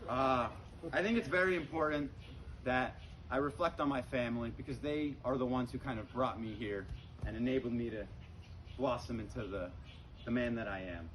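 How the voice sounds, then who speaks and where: Speaking at a normal speed with a medium-pitched, fairly bright voice, this stand-up comic chats his way through stories, frequently dropping "you know" and playing out the dialogue. The crowd laughs throughout, and the audio is a noisy live capture full of room sound.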